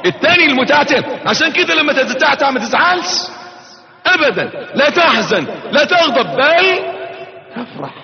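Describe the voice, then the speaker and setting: An Egyptian man preaching a religious lesson in a high voice. He rises into loud exhortation, then drops into quiet quotation and chanted verses. The sound is a dull lo-fi tape with a long, roomy hall echo. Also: very animated, moderate pace. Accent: Egyptian Arabic.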